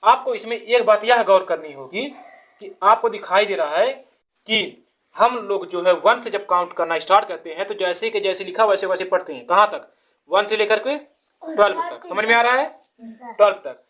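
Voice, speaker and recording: A woman's voice: medium pitch, animated, normal speed, a bit bright. A woman teaching a child to count, patiently asking quiz questions and counting numbers aloud step by step.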